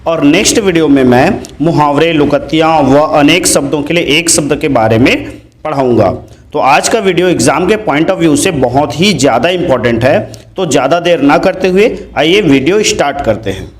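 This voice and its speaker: A man's voice: a little high, animated, normal speed. A man teaching a grammar lesson, spelling words out letter by letter and repeating each one.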